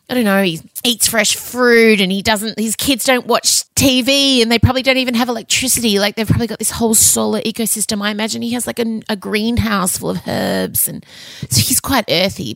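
Low-voiced woman, candid podcast chat. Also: a bit bright, no room sound. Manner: candid, chatty, self-mocking, sweary. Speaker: podcast host. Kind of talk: casual confessional podcast monologue.

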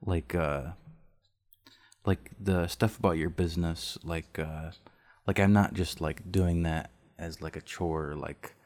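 A young man co-hosting a podcast, speaking in a calm, steady and reassuring way. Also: sits low, slow. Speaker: podcast co-host. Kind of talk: casual intimate conversation.

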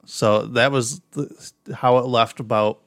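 A man with an Upper Midwest American accent co-hosts a casual podcast, telling stories and reading listener messages aloud with some profanity. His voice is medium-pitched and fairly even, a little slow, recorded in clean studio sound with no echo.

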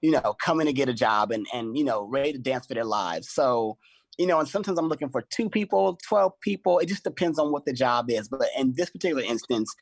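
A middle-aged man in casual conversation, an animated storyteller who acts out his own quoted lines. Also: medium pitch, brisk, no echo. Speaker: choreographer and podcast guest.

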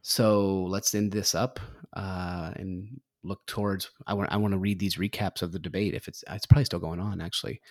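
A man's voice: sits low, fairly even intonation, normal speed, few pauses, no echo, studio quality. A man hosting a podcast, talking casually with a hesitant, filler-heavy, easygoing delivery. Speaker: podcast host. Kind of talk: casual chat.

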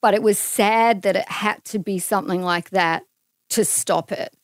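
A middle-aged woman with an Australian accent talks earnestly through a personal story as an interview guest, her voice smooth and clear. The sound is close and dry, with no room around it. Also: medium pitch, moderate pace, no echo. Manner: earnest, animated retelling with acted-out quotes.

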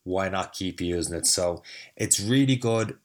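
Deep-voiced man with a cold, rambling. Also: a little slow. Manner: rambling, self-deprecating, easygoing. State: has a cold, sniffly. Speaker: fitness coach and podcast host. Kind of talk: casual solo podcast talk. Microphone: mic set a little further away than usual.

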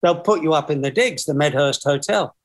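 A man voicing an excitable, friendly Middlesbrough taxi driver in an imitated Teesside accent, exclaiming and repeating himself as he tells an anecdote. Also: a little high, brisk, lightly acted. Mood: friendly, brisk. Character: excitable Middlesbrough taxi driver, gruff but friendly older-style local. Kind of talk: acted quote within an anecdote.

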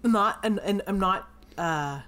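A woman's voice: medium pitch, slow. Easygoing woman musing in podcast chat. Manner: relaxed, hedging and thinking aloud with "um"s. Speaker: podcast co-host. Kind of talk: casual show recap chat.

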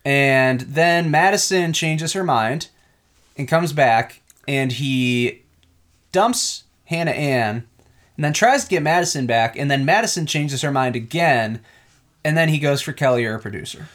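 A young man co-hosting a casual reaction chat, self-mocking and quick to laugh. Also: on the high side, lively intonation, fairly bright tone. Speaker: co-host.

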